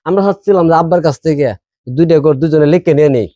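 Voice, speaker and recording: A man's voice: fairly high pitch, quick pace, dark tone, no echo, lo-fi sound, lightly acted. A man playing a scheming greedy elder son. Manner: wheedling, plotting.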